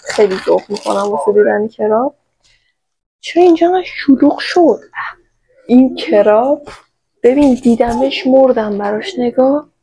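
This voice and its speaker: A woman's voice: on the high side, lively intonation, pauses often, dark tone, slightly rough, rough recording. A woman from Iran chatting playfully to her viewers in a casual shopping haul vlog, recorded on her own microphone. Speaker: vlogger.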